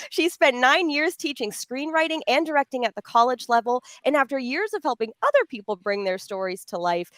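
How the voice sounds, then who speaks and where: A woman with a high, fairly bright voice hosts a pre-recorded panel, introducing guests in a chatty, effusive way. She addresses guests and audience with emphatic delivery, and the recording is dry. She works as a panel host and audio drama voice actor.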